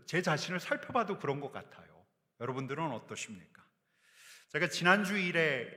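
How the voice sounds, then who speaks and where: Guy pastor giving a sermon in a church, bright voice, big reverb. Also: mid-range voice. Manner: animated, addresses congregation directly. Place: church sanctuary. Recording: long church hall reverb.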